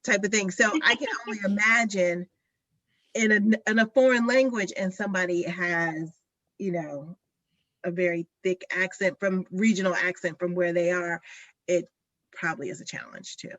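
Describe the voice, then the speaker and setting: A woman with a somewhat low voice, chatting in a relaxed way. She is supportive and encourages the others. She tells a family anecdote. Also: normal speed, dry recording, dull audio. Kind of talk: casual chat.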